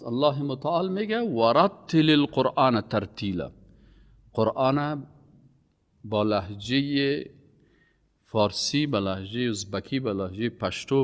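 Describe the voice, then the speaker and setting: Man, preaching a religious lesson, emphatic rises and low drops, long hall reverb. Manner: emphatic preaching, voice rising on key words and falling low. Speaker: Quran teacher. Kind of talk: religious lecture.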